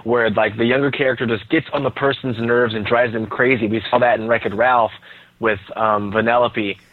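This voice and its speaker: A man's voice: medium pitch, fairly even intonation, normal speed, dry recording. Remote podcast guest, male, tinny phone-like line, dry sound, thoughtful and hesitant. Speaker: podcast panelist. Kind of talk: casual movie podcast chat.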